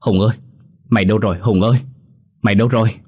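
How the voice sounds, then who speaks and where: A man's voice: lowish voice, fairly even intonation, fast talker, darkish tone, slightly rough. A man voicing a terrified young man who pleads for help, breathless and sobbing. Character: terrified young man fleeing a possessed friend.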